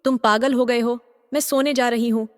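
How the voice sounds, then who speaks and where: A man voicing a hesitant young woman in a narrated story, in a slightly higher voice than his narration. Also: fairly even intonation, normal speed. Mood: refusing. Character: young woman, a reluctant sister. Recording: long reverb.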